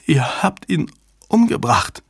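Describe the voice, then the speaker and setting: A man voicing a desperate young woman who calls out in high, pleading, stammering cries. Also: big pitch swings, slow pace, creaky, breathy edge, no echo, clean studio sound, exaggerated voice. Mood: anguished. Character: desperate young woman calling her lover.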